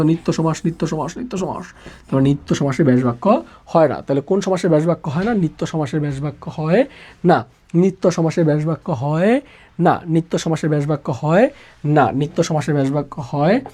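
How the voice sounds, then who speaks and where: A man's voice: a little high, dark tone. Man drilling exam answers by repetition. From Bangladesh. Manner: repeats questions and answers many times, urging students to answer fast. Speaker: admission exam tutor. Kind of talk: live online exam-prep class.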